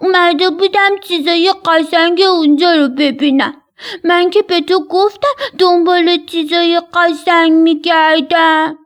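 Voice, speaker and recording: A naive little storybook goldfish speaks in a very high, thin, childlike squeak, put on by a woman narrator. The words come slow and drawn out, wide-eyed and innocent. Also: steady tone. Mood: earnest. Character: small scared little female goldfish, curious and naive.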